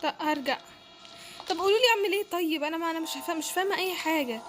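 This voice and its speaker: A woman's voice: very high-pitched, very fast, noisy background. A woman with an Egyptian Arabic accent giving jumpy, exclaiming commentary on a horror game as she plays, talking straight to her viewers. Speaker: gamer, channel host. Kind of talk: let's-play gaming commentary.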